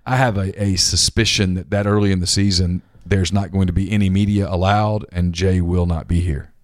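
A man with a very low voice, bantering in a wry, easygoing way as a sports talk co-host. He reads listener questions aloud. The studio sound is dry and close. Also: fairly even intonation, a little fast, no room sound. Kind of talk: casual sports radio chat. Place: radio studio. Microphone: studio microphone.

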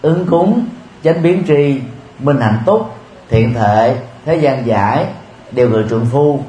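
A man giving a Buddhist dharma talk, speaking in a measured way with frequent pauses and filler sounds. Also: medium pitch, expressive, warm tone. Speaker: Buddhist teacher. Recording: roomy with faint ambient noise.

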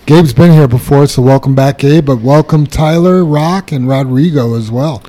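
Mellow-voiced man reading announcements. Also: mid-range voice, normal speed. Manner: matter-of-fact, reading names from a list. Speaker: podcast co-host reading announcements. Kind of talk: casual podcast chat.

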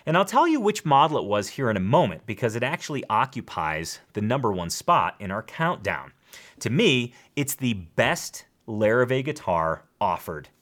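A man's voice: medium pitch, a bit bright. A man with an American accent hosting a show in an emphatic, enthusiastic top ten countdown style. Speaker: guitar show host.

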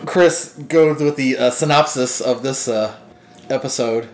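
A man hosting a casual podcast, hesitant and filling pauses with uhs. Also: medium pitch, faint music behind. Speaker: podcast host. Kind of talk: casual chat. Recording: echoey room with faint noise.

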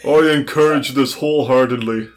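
A man's voice: medium pitch, fairly even intonation, normal speed, over music. A man playing a tabletop game, chatting casually with playful, mock-formal phrasing.

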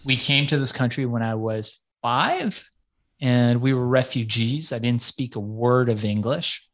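A man's voice: mid-range voice, a little slow, a bit bright. Reflective man from Iran, casual guest. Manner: reflective, casual, swears now and then. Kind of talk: podcast interview.

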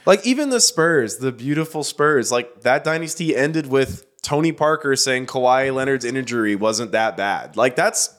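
A man co-hosts a sports talk show from a studio. He talks in a casual, animated way, often restarting his sentences and then rattling off player stats. His voice sits at an average pitch. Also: moderate pace, hardly any pauses. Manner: animated, repeats himself, stacks stats. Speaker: podcast co-host.

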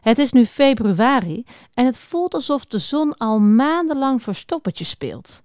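A woman reading a picture book aloud to young children, expressive and speaking right to them. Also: a little high, measured pace, no echo, studio quality. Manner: expressive, talks directly to children.

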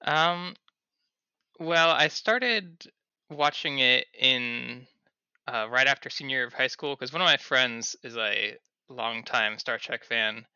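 A man's voice: medium pitch, sharp tone, clear, resonant tone, no room sound. A young man, a guest on a podcast, chatting in an easygoing way with hesitant starts. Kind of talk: casual chat. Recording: slightly dull, lo-fi mic.

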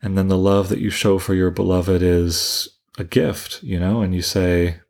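A man with a low-pitched voice co-hosts a relaxed book discussion. He muses and thinks aloud, often restarting his sentences as he works through an idea. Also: moderate pace, gravelly. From Canada. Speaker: podcast co-host.

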